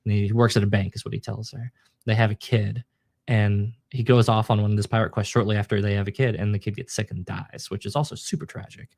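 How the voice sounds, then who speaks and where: A man's voice: lowish voice, fairly even intonation, fast, gravelly, darkish tone, no room sound, studio quality. A man co-hosting a podcast, chatting casually and enthusiastically about manga and acting out characters' lines. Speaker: podcast co-host.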